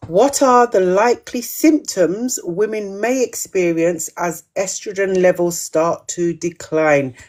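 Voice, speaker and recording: A woman hosts a live online quiz at a slow, unhurried pace. She reads each question out twice and chats with viewers about their answers as they come in. Her pitch sits in an ordinary middle range. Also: a little mellow. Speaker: host of a live menopause quiz. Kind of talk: live-stream quiz hosting.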